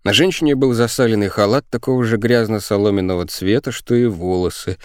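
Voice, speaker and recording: A man with a low voice narrates a storybook in a vivid, expressive reading. The sound is dry and close, with no room around it. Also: a little fast, dry recording. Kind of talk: audiobook narration.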